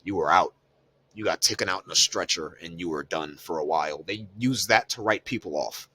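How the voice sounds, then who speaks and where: A man co-hosts a podcast in relaxed, profane casual chat, recapping the week's wrestling. His voice sits very low, and he talks loosely, with plenty of ums and "you know"s. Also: a little fast, slightly rough. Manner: loose and profane, lots of fillers. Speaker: podcast co-host.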